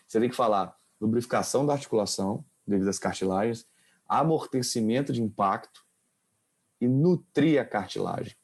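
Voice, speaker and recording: Male lecturer, mid-pitched, gravelly and casual, quizzes the class. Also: a little mellow. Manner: casual, quizzes students with questions. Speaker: kinesiology professor. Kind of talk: informal lecture.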